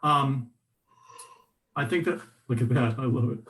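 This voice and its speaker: A man's voice: mid-range voice, a little slow. A man presenting a voice workshop in a conversational, instructive way, often restarting his sentences. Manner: conversational, animated, with frequent restarts and fillers.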